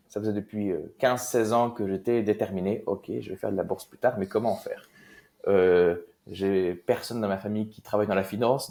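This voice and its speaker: Young man, from Marseille, low voice, casual interview guest, hesitant with fillers. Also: a little mellow. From Marseille, France. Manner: loose and hesitant, many fillers and restarts. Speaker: guest investor.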